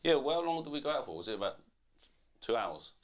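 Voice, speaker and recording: A man's voice: mid-range voice, sing-song, quick pace. A middle-aged man with a chatty, rambling way of talking, correcting himself as he goes and chatting casually while running a livestream from home. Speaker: father running the livestream tech.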